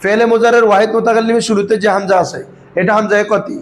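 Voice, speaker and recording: A man's voice: sits high, level tone, very fast, a little hiss or hum, poor audio. A man teaching Arabic grammar to a class, often quizzing his students and calling them "baba". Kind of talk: classroom lesson.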